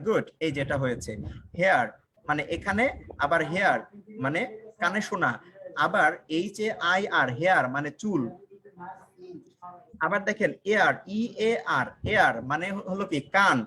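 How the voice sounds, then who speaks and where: A young man teaches English live online, his voice a little higher than most men's. He throws questions at the viewers and answers them himself, saying the key lines twice. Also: sharp tone.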